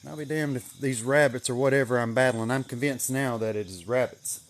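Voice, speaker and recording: This livestream host shows off his greenhouse garden outdoors, chatting casually with a folksy, wandering style and a bit of mild cursing. He talks a little fast in a medium-pitched voice.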